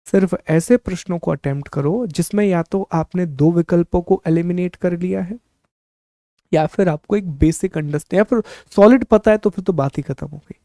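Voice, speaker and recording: A man's voice: high voice, moderate pace, dark tone, no echo, clean studio sound. A young man teaching an exam strategy class as a coaching teacher, giving direct advice and asking rhetorical questions.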